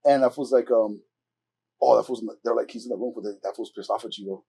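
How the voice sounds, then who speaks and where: Fast-talking man. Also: mid-range voice, vocal fry, husky. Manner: animated, swearing, acts out quotes. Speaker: podcast host. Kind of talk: casual storytelling.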